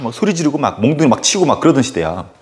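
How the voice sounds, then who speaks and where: Male history teacher, casual lecture anecdote, lively swinging pitch, mid-range voice, chatty filler-heavy storytelling. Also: rapid-fire. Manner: animated storytelling full of fillers.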